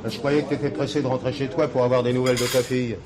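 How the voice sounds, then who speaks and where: A man's voice: medium pitch, little pitch movement, racing, natural voice. An actor playing a friendly, earnest factory union man chatting with a workmate, in 1970s TV drama style. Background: bar crowd chatter.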